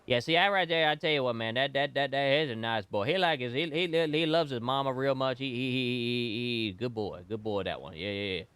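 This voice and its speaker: A man's voice: medium pitch, brisk, few pauses, fairly bright tone, clean tone, no echo, close to an everyday voice. A sick man putting on the voice of a rambling, folksy, gossipy man who keeps repeating himself. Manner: rambling, repeats himself, stumbles over words. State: sick, stuffy.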